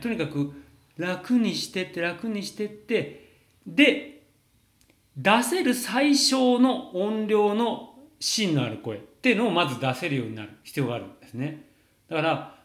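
A man teaching voice technique, his pitch a touch high and rising and falling a lot as he explains. He answers questions with plenty of fillers and restarts. The sound rings in a roomy, echoey space. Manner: lively, explanatory, many fillers. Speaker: singing voice coach. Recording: roomy echo.

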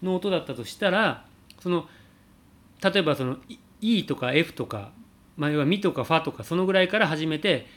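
A man teaching singing, calmly answering a viewer's question about high notes and showing sung slides. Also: a little fast. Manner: explains calmly, demonstrates sliding sung vowels.

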